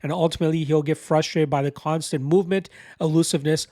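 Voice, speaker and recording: An MMA betting analyst breaks down his fight picks casually and confidently, speaking briskly in bettor's slang. His voice is on the high side yet dark in tone, steady, and stuffy-nosed from a cold, recorded with no room sound.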